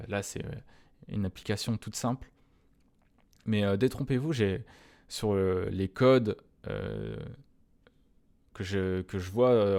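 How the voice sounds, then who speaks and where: Talking casually straight to his viewers, a web developer with a fairly low, gravelly voice walks through a screencast coding tutorial. His speech is full of "euh" fillers, pauses and restarts.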